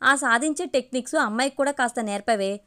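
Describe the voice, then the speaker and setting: A woman's voice: high voice, fast talker, fairly bright tone. A woman reading the lines of a good-humored middle-aged father who teases his wife, in a light, bantering way. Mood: teasing.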